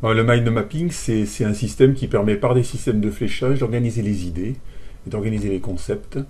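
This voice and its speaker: Mellow-voiced man giving a hesitant lecture. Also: on the low side, a little fast. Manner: hesitant, many fillers and restarts. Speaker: online course instructor. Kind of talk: recorded online lecture.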